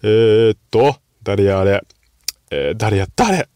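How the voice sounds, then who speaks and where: A man's voice: lowish voice, lively intonation, a little slow, mellow, smooth, no room sound, studio quality. A man with a Kansai accent, hosting casual horse-racing betting commentary in a rambling, self-deprecating way. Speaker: host.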